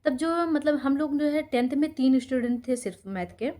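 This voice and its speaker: Here the Sultanpur teacher and YouTuber sounds high-pitched, lively and warm, talking at a normal speed. The young woman from Uttar Pradesh, India, recounts her life to viewers conversationally, pausing often to check in with them.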